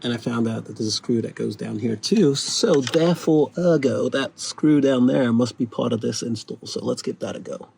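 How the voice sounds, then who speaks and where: A man of middling pitch narrates his own car repair in a loose, casual way. He jokes at his own expense and swears often. A faint noise sits under his voice. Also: normal speed, vocal fry, hardly any pauses, a little mellow. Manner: self-mocking, joking, swears often. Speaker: DIY car vlogger. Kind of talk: casual self-filmed repair commentary. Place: working on a car, on the floor.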